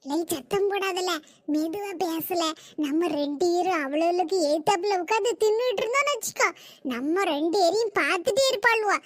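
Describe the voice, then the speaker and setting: A woman voicing a sly, greedy little village boy in a cartoon, speaking in a hushed, scheming way. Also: extremely high pitch, expressive, normal speed. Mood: hushed plotting.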